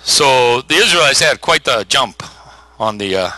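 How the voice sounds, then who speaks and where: A middle-aged male pastor preaching a sermon, telling the story with lively acted-out voices. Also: medium pitch, unhurried, no echo, poor audio. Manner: animated storytelling with voiced characters.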